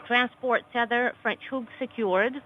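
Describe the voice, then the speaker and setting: A woman's voice comes through a space-to-ground radio link, muffled and far off under a loud wash of static. She speaks in brief, clipped radio procedure, confirming and standing by like a mission communicator, in a fairly high voice. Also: steady tone, a little slow. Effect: space-to-ground radio loop.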